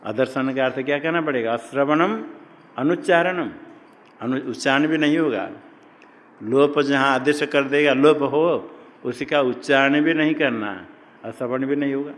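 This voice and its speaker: Male teacher, mid pitch, steady question-and-answer lecturing, echoing hall sound. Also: a little slow. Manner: asks questions and answers them himself, repeating terms. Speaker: Sanskrit grammar teacher. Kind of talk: classroom lecture. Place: hall or classroom at an ashram.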